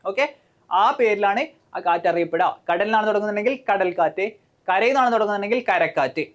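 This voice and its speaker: Speaking quickly in a mid-range voice, this Malayali-accented woman coaches students for an exam. She explains things one step at a time, says "okay" often, asks the class questions, and blends English words into Malayalam.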